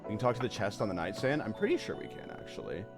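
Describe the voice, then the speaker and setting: A man streaming a game with casual, jokey commentary, reacting in an animated way. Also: lowish voice, quick pace, music in the background. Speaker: gameplay streamer.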